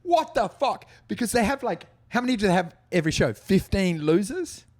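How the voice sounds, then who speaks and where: Male host, loose crude banter, animated, slightly high voice. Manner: crude, joking, quick to mock. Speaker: podcast host. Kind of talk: casual chat.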